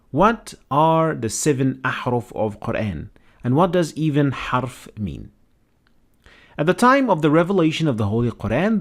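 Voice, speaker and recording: A man narrates a scripted educational explainer, measured and explanatory in manner, with a lively pitch.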